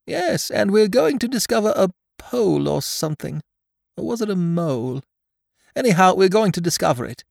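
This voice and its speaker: High-pitched, naive Winnie-the-Pooh. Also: male voice, sing-song, normal speed, gravelly, no room sound, studio quality, heavily acted. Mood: eager, muddled. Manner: simple, eager, innocent. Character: naive, friendly, slow-witted little male bear. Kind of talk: children's storybook reading.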